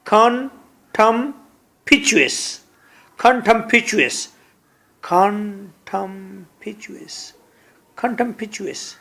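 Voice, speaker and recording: High-voiced Pakistani man teaching a lesson. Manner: reads English slowly, then explains in Urdu, repeating words. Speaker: English teacher. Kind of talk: line-by-line Urdu translation lesson.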